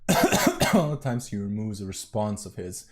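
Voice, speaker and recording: A man hosting a casual reaction commentary, talking between bites, often coughing and clearing his throat. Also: lowish voice, animated, measured pace. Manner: talks while chewing, coughs and clears throat. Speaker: commentary host.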